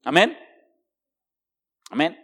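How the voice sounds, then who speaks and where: A man preaching a sermon as a pastor. He asks the congregation direct questions and swings between hushed, slow passages and raised, emphatic ones. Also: long reverb tail.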